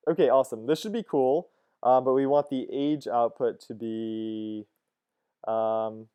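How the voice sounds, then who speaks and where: A man's voice: mid-range voice, steady tone, unhurried, clear, resonant tone, muffled recording. A man in his thirties teaching a coding lesson over a screen recording, casual and thinking aloud, with fillers and "cool, cool". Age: 30s.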